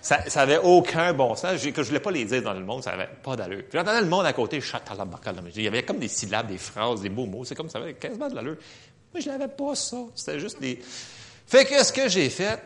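Animated Quebec French preacher man. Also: on the high side, fast. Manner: animated storyteller, laughing often. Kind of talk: personal testimony sermon.

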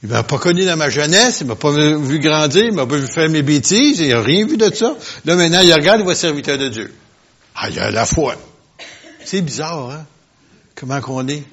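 Preacher with booming emphatic bursts. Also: male voice, lively intonation, normal speed, husky. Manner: swings from quiet asides to loud emphatic bursts; conversational, questions the congregation. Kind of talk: sermon. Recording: lo-fi, dull sound.

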